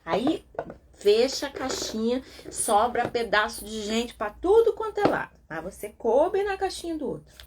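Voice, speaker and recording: A Brazilian woman hosting a live talk on codependency, asking herself rhetorical questions and acting out the voices of others. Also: a little high. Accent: Brazilian Portuguese. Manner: animated, rhetorical, acts out quoted voices. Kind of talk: casual live talk about a self-help book.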